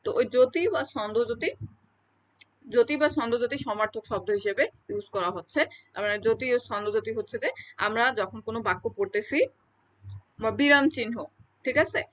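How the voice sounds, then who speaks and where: A woman gives an explanatory lecture in a somewhat high voice. She repeats her key terms and keeps checking that her listeners follow. The recording sounds dull and lo-fi. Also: moderate pace, pauses often. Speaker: teacher.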